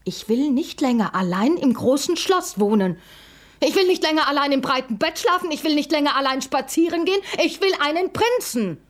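A woman voicing a demanding, lonely young princess, insistent and whiny, her voice climbing higher with each complaint. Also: big pitch swings, moderate pace, few pauses.

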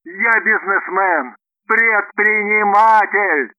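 A man voicing a panicking businessman who shouts desperately and snaps rudely. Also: high voice, expressive, a little slow, no echo, highs cut off, pitched above the performer's own voice. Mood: frantic, shouting. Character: panicking middle-aged male businessman, rude and frantic.

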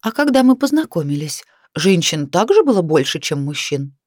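A woman's voice: lowish voice, big pitch swings, normal speed, a little mellow, no echo, studio quality. Prickly nervous clairvoyant wife, as a woman reads her. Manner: wry, prickly, defensive. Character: touchy, nervous middle-aged wife, a clairvoyant.

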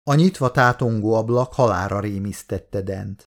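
Man narrating a horror audiobook. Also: lowish voice.

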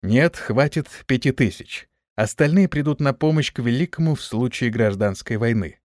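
A man reading an audiobook, voicing a sly, bold young male hero in a brash, lively tone. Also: medium pitch, normal speed, no room sound, clean studio sound, natural voice. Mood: scheming.

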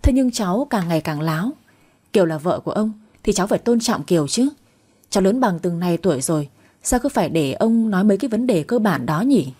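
A woman voicing a stern old grandfather who calmly questions and then scolds. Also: mid-range voice, fairly quick, slightly rough. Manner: firm, scolding.

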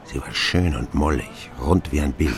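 Soft background music accompanies this scripted first-person narration from a radio play. The actor, portraying a middle-aged man looking back on his boyhood with wry humor, speaks in a rumbling low voice at normal speed, reminiscing and telling the story expressively.

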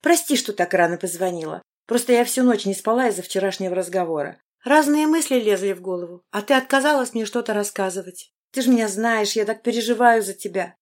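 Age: middle-aged. Sex: woman. Figure: a woman reading as a fussing, doting mother. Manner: anxious, brisk. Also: medium pitch, lightly acted.

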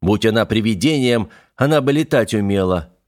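A man reading a storybook, voicing an older mechanic who speaks slowly and softly, with a fatherly calm. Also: on the low side, no room sound, studio quality, natural voice. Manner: slow, soft, unhurried.

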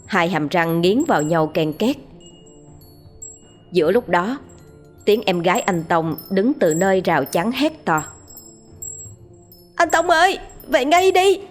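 A woman narrating a ghost story in a measured, unhurried reading over faint music. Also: lowish voice.

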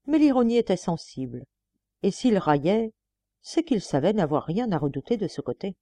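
A woman narrating a classic novel aloud in a measured, expressive reading, close to the microphone. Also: medium pitch, dry recording. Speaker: audiobook reader.

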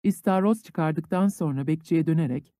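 A male audiobook narrator reading classic literature in a calm, even way. His voice is mellow and dark, and it sounds dry and close to the mic, with no room around it. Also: on the high side, moderate pace, dry recording.

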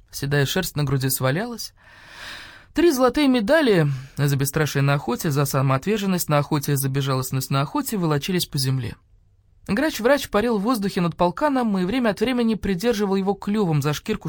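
A woman narrating a children's audiobook in an expressive, animated way. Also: fairly low pitch, brisk, no echo, clean studio sound.

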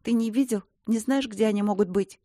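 A woman's voice: brisk, warm tone, dry recording, clean studio sound, natural voice. A woman voicing a chatty, impulsive young girl artist who pleads and chatters in a raised voice. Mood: chirpy. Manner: pleading, high-pitched chatter.

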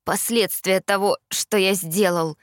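A woman's voice: mid-range voice, fairly even intonation, measured pace, dry recording, clean studio sound, natural voice. A woman voicing a drained, urgent young medium. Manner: strained, urgent. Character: young man, medium, drained after contacting spirits.

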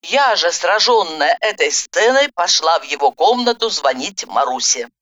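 A woman narrating a first-person audiobook in a lively, expressive way. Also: on the low side, moderate pace, dry recording, highs cut off.

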